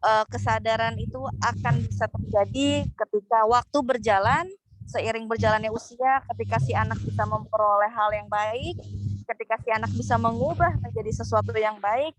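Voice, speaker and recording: A woman's voice: on the high side, normal speed, music in the background, low-quality recording. A woman speaking as a guest, earnestly explaining parenting advice. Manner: earnest, explanatory, acts out example quotes. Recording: noticeable background noise.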